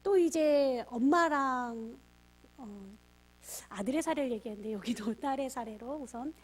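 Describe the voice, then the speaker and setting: A middle-aged woman with a high voice delivers a parenting lecture as a pastor. She tells stories in a lively way and plays out the back-and-forth between parent and child herself. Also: a little slow. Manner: lively storyteller acting out quoted family dialogue. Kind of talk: storytelling lecture for parents and teachers.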